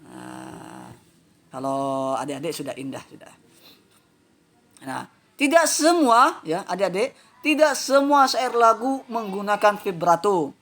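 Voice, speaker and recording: A man's voice: sits high, a bit bright. A man teaching a vocal music lesson to pupils, chatty and peppering his talk with little fillers. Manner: chatty, fills with "nah" and "ya". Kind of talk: online class lesson.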